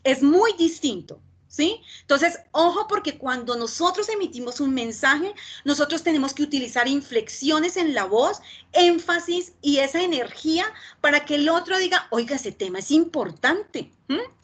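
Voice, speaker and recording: A woman with a Colombian Spanish accent giving a training lecture, talking fast and checking in with her listeners. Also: high voice, fairly bright tone. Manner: talks fast with frequent "¿sí?" check-ins.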